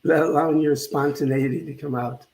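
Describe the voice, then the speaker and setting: An older man, speaking as a minister, gives a conversational spiritual talk that is reflective and halting, and he often repeats phrases along the way. His voice sits a little high with fairly even intonation and a darkish tone.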